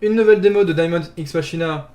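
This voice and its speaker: Young male gaming YouTuber, slightly high voice, loose self-correcting chatter. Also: fast talker, darkish tone. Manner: rambling, self-correcting, laughs at himself. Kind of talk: casual video game news recap.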